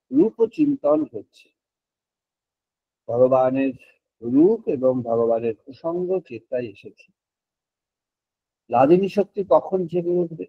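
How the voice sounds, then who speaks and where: An older man giving a devotional spiritual talk in slow, deliberate, drawn-out phrases, slipping in English words. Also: fairly high pitch, husky, no room sound. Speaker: spiritual speaker. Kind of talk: devotional discourse. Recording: dull, muffled lo-fi recording.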